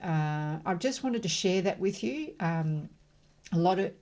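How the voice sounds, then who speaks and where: Here a middle-aged woman with a lowish voice demonstrates tapping for emotional freedom. She repeats affirmations at a slow, rhythmic pace and talks calmly and casually between them.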